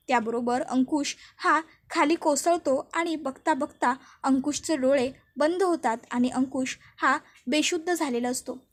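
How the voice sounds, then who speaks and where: A woman narrating a voice-over recap of a television serial episode in a steady storytelling manner. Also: high voice. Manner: steady storytelling with many fillers.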